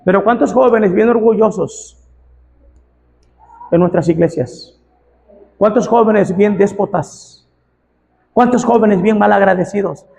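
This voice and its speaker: A man with a Mexican Spanish accent, a pastor preaching a fervent sermon, often shouting out the pleas he quotes. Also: sits high, a little slow, creaky, long pauses. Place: church hall. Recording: long reverb of a church hall.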